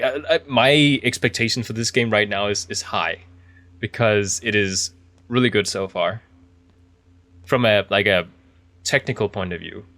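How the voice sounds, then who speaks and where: A man's voice: on the low side, fairly bright tone, no room sound. A man giving casual video game commentary, thinking aloud in a chatty, easily impressed way. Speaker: video game streamer playing an indie horror game.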